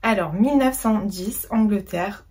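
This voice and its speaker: A woman's voice: mid-range voice, unhurried, darkish tone, husky. A woman talking casually about books in a reading vlog, chatty with many fillers and restarts. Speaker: book vlogger.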